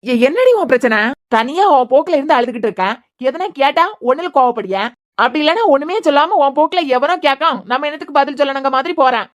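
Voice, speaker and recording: A woman's voice: sits high, animated, fast talker. Patient cartoon husband, playful and pleading, Kanyakumari Tamil accent, played by a woman. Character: teasing patient young husband. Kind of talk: cartoon web series voice acting.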